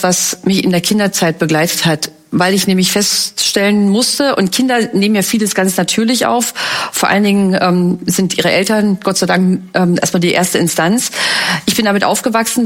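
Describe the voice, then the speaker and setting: A middle-aged woman from East Germany, a panel guest reflectively recounting childhood memories before an audience. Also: medium pitch.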